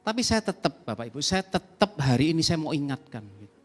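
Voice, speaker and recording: A man's voice: a little high, big pitch swings, fast, faint music behind. A man preaching a sermon to his congregation, speaking animatedly and addressing the listeners directly. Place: large church hall. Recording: long church reverb.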